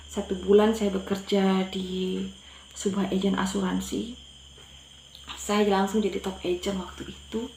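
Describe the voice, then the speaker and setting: A woman's voice: medium pitch, creaky, a little mellow, echoey room, slight background noise, low-quality recording. A middle-aged woman from Madura, a pastor, telling her personal faith testimony earnestly and often addressing her listeners directly. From Madura, Indonesia.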